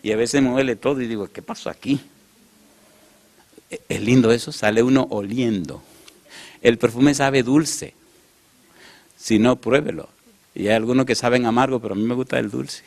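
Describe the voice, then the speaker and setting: A man preaching a sermon, again and again asking the congregation "yes or no?" and swinging from loud calls to quiet, low storytelling. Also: fairly even intonation, moderate pace, long pauses. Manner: asks the congregation "yes or no?" over and over.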